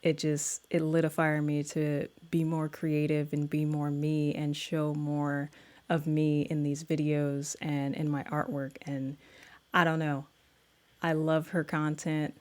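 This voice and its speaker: A woman vlogger with a low voice, chatty and upbeat as she talks straight to her viewers. She speaks slowly and takes her time. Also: monotone, a little mellow. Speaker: vlog host. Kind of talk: casual chat and reading her own poem.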